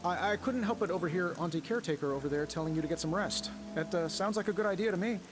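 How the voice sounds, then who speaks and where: An actor playing a wisecracking, nervously friendly superhero inventor in a game, with a glib, rambling, self-deprecating manner. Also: male voice, high voice, quick pace, music in the background, lightly acted. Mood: wry, friendly. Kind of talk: casual game dialogue.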